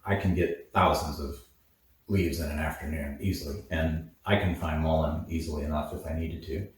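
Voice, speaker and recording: Deep-voiced man explaining herbs. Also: fairly even intonation. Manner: slow, deliberate, explanatory. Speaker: herbalist host. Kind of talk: instructional talk on herbs. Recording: very echoey, from far off the mic.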